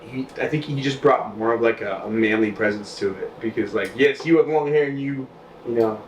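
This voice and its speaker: A man's voice: medium pitch, a little fast. Chatty man co-hosting a podcast. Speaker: podcast co-host. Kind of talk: casual podcast chat. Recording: echoey room, distant mic, faint noise.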